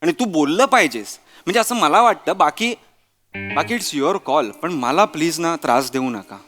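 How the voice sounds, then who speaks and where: A man's voice: fairly high pitch, animated, normal speed, big-room sound, soft background music. A man playing a fed-up husband in a stage comedy sketch, talking in an exasperated, pleading way. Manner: exasperated, pleading, rising to shouts.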